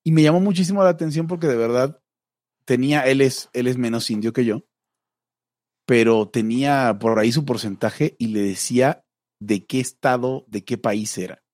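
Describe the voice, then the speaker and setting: A man's voice: mid-range voice, moderate pace, a little mellow, no echo, studio quality. A man with a Mexican accent, co-hosting a podcast in casual chat, thinking aloud with many fillers. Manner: musing, hesitant with fillers. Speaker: podcast co-host.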